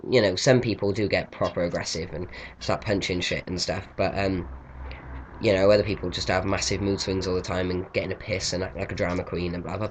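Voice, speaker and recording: A young man with a lowish voice talks casually to his camera. He tells stories in a loose, chatty way, swears freely, and acts out the other people in his stories. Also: a little hiss or hum. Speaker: vlogger. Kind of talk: casual storytelling vlog.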